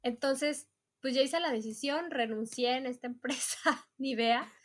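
A young woman with a Mexican accent, telling her story as a guest in a casual interview, chatty and animated, acting out what she said back then. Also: high-pitched, measured pace. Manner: chatty, animated, acts out her own past quotes.

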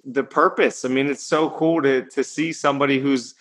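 A man's voice: medium pitch, steady tone, moderate pace, fairly bright tone. A man hosting a podcast, responding to his guest in an enthusiastic, affirming way and asking questions. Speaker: podcast host. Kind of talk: warm interview chat.

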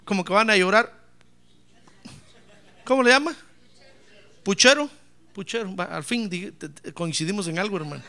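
A man's voice: high voice, moderate pace, long pauses, sharp tone. A man preaching a sermon as pastor, emphatic, calling on the congregation to answer back and slipping in joking asides.

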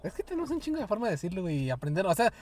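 A man's voice: high voice, very animated, rapid-fire, a little mellow, slight background noise. A man with a Mexican Spanish accent, co-hosting a podcast with crude humor and frequent laughs. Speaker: podcast co-host. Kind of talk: casual chat.

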